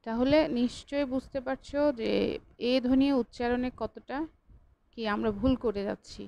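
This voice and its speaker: A woman's voice: fairly high pitch, fairly even intonation, moderate pace, creaky, mellow. A female college lecturer giving an online class, patient and repetitive, stopping to correct her own slips.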